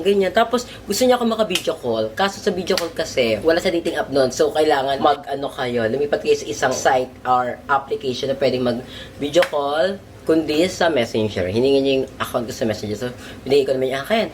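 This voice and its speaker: A man telling a story in a casual vlog, gossipy and animated, his pitch jumping up and down a lot. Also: fairly quick, background noise. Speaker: vlogger.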